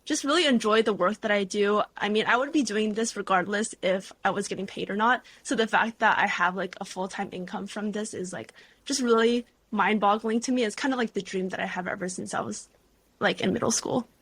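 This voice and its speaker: A young woman talks freely as an interview guest, her speech full of "like" and quick asides. Her voice sits at an ordinary middle pitch for a woman. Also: a bit bright, breathy edge. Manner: chatty, heavy use of "like". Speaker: guest, beauty content creator. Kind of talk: casual interview chat.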